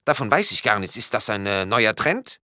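A man voicing a naive, chatty male police officer who rambles with lively rising questions, in a read-aloud crime story. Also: fairly low pitch, normal speed, no echo, studio quality, pitched above the performer's own voice, full character voice. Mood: bumbling.

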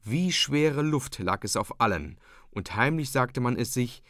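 A man reads an old tale aloud in a measured, even way. His voice sits in a middle register. The recording is dry and close, with no room sound. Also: medium pitch, dry recording. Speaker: audiobook narrator. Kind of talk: scripted narration of a classic novella.

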